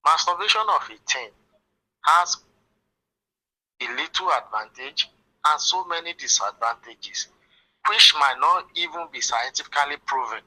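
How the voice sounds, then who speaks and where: A man, giving measured, moralizing advice in a voice note played back on the show. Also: a little high, expressive, bright, forceful tone, poor audio. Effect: voice note played back in the studio. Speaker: listener sending in a voice note. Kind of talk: advice monologue.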